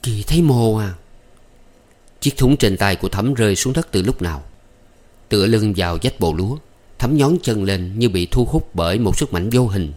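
A man narrating a story in a steady, measured audiobook reading. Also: lowish voice.

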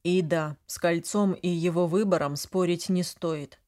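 A woman voicing a cold, sardonic male duke who gives clipped orders in a low voice. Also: fairly even intonation, measured pace, darkish tone, lightly acted. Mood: curt.

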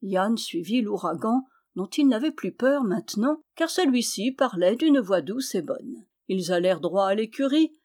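A woman reads a folk tale aloud as storyteller, with a measured, expressive delivery. Her voice sits at a middling pitch for a woman.

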